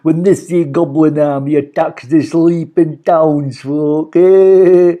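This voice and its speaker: A man's voice: on the high side, fairly even intonation, slow, highs cut off, voice pushed up. A man doing a nasty old scheming villain. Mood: gloating.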